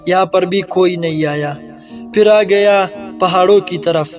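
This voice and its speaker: A man's voice: high-pitched, soft background music. A man with a Pakistani Urdu accent casually telling a folk tale, with plain, conversational restarts. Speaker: storyteller. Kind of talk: casual oral storytelling.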